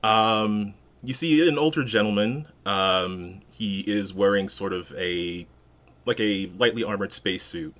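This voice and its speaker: Male game master with a lowish voice, improvising descriptive narration, somewhat hesitant. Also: measured pace, fairly bright tone.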